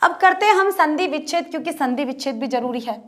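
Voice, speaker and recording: A woman's voice: high voice, expressive, quick pace. A woman teacher explaining a grammar lesson step by step, often repeating points as rhetorical questions. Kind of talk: Hindi grammar lesson at a board.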